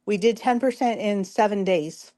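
A woman with a hoarse, strained voice hosts a casual market commentary, explaining things informally and speaking straight to her listeners. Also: mid-range voice, normal speed, dark tone. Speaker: show host.

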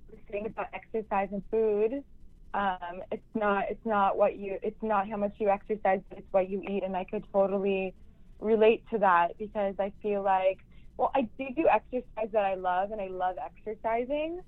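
A woman's voice: mid-range voice, fairly even intonation, normal speed, dry recording. A woman calls in over a cell phone line that fades in and out. Her voice is tinny and thin. It sounds dry and close, with no room around it, and she speaks hesitantly with plenty of ums. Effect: cell phone voice fading in and out. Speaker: caller. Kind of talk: casual call-in chat.

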